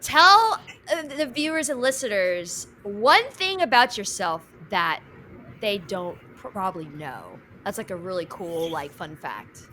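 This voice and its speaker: Twenties female host, upbeat and playful, bright tone, faint ambience. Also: medium pitch, big pitch swings, a little slow, slight background noise. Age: 20s. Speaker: podcast host. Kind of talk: casual chat.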